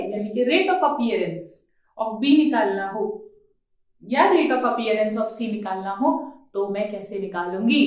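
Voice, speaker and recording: High-voiced woman teaching in an echoey room. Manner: coaxing, checks understanding, calls students "beta". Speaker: chemistry teacher. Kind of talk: classroom lecture. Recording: very echoey room, mic far off.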